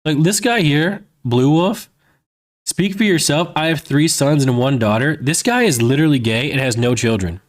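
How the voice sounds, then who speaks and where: A man in his thirties reads chat on his livestream, rambling casually and peppering his talk with "man" and "you know." His voice sits fairly high, and he keeps a moderate pace.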